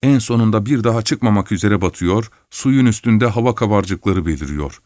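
A man narrating a story in the first person at a steady, measured pace. His voice sits low. The recording is dry and close, with no room sound. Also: no room sound. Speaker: audiobook narrator.

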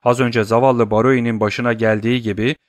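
A man voicing a middle-aged male doctor who questions urgently and speaks gravely. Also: mid-range voice, level tone, fairly quick, dry recording, clean studio sound, lightly acted.

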